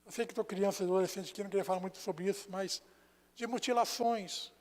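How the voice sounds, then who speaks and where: A Brazilian man preaching as a pastor, telling a story and swinging between hushed and loud passages. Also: sits high, steady tone, quick pace. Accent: Brazilian Portuguese. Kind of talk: sermon. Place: church sanctuary. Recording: long church hall reverb.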